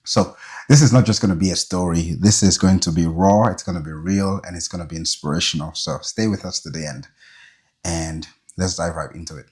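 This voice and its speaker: A man's voice: sits low, fairly quick, darkish tone. A man hosting an interview podcast. He talks in an earnest, encouraging way and answers often with a short "okay". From Nigeria. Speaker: host.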